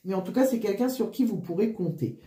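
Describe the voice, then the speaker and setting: A woman giving a casual card reading, wheezy and short of breath with flu, halting and often restarting her phrases. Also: medium pitch, expressive, warm tone, roomy sound. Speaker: tarot card reader.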